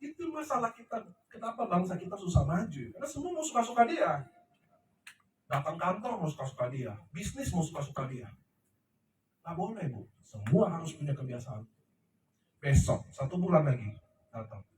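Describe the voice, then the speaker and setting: A man's voice: on the high side, sing-song, moderate pace, far from the mic, slight background noise. Emphatic preachy man, echoey room. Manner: emphatic, preachy, asks the crowd "ngerti ya?". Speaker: company leader speaking to his team. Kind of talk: motivational talk to a live audience. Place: large room before a seated audience.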